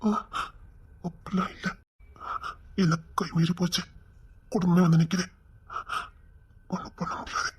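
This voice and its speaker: A man's voice: high-pitched, flat delivery, a little fast, a little mellow, husky. A man playing a brash young man who challenges the woman he loves, then turns guilty and pleading. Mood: resigned. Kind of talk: screen drama acting.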